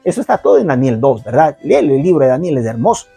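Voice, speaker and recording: A man preaching Bible teaching, who keeps checking in with his listeners and tells the story in a lively way. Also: medium pitch, quick pace, creaky, slightly rough, dry recording, soft background music.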